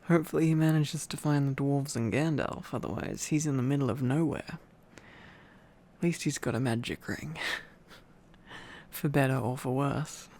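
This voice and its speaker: This ASMR boyfriend roleplay storyteller is a sleepy man giving an intimate reading, affectionate and tired, with playful remarks to his listener. His gravelly voice sits mid-range and has a darkish tone.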